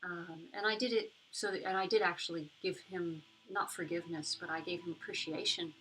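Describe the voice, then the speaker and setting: A woman leading a guided meditation in a soft, gentle, soothing way, leaving pauses between short phrases. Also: on the low side, fairly even intonation, a little hiss or hum, poor audio. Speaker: meditation group leader.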